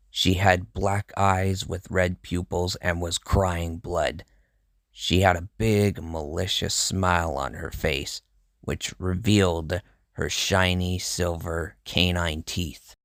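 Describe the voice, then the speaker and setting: A man with a very low, gravelly voice reads a first-person horror story at an unhurried pace. His delivery stays measured and grim throughout, and the recording is dry and close with no room sound. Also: no room sound. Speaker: narrator.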